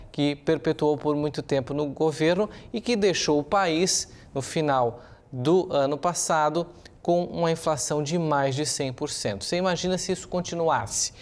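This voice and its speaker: In a fairly high-pitched voice, a Brazilian-accented male journalist provides opinionated news commentary that explains events. He talks semi-improvised and poses rhetorical questions.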